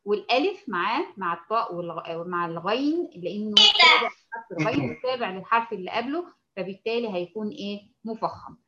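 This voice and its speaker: A woman with an Egyptian Arabic accent teaching a Quran recitation lesson, patiently explaining and slowly demonstrating sounds. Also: mid-range voice, expressive, dull audio, background noise. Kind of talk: tajweed lesson.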